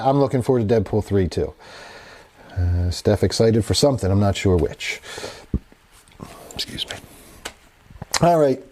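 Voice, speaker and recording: A man's voice: mid-range voice, mellow, a little hiss or hum. A middle-aged man hosting a casual livestream, rambling in a laid-back way with chuckling asides. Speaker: host.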